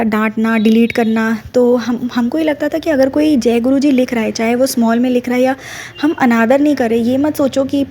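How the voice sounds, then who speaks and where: A woman's voice: sits high, mellow. A middle-aged woman shares a personal devotional experience, telling her story earnestly and addressing her listeners directly. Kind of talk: devotional testimony talk.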